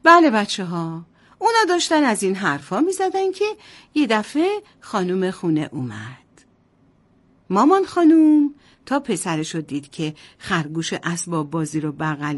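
A woman's voice: lowish voice, sing-song. A woman storyteller narrating a bedtime story to children in a sing-song voice, often addressing them directly.

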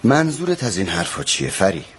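A low-voiced, concerned questioner. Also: male voice, huge pitch swings, a little hiss or hum. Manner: short probing questions. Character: concerned male friend named Jalal, questioning. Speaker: character in a radio drama. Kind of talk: radio drama acting.

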